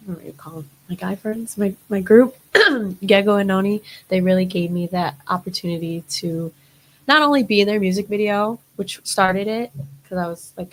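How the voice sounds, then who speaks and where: A woman's voice: on the low side, a little hiss or hum, rough recording. A young woman, a model, chatting casually as an interview guest, rambling with many fillers.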